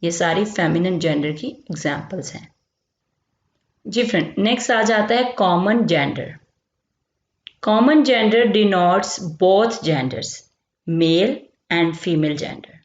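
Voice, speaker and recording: Slow woman teaching grammar. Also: on the low side, lively intonation. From Pakistan. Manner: explains slowly, repeats terms, says "theek hai" often. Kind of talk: grammar lesson. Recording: lo-fi echoey room.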